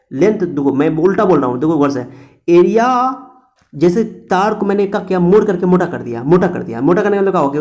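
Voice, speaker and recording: A man's voice: sits high, darkish tone. A man teaching a physics lecture to students, repeating key points and asking and answering his own questions. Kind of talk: classroom-style lecture to students.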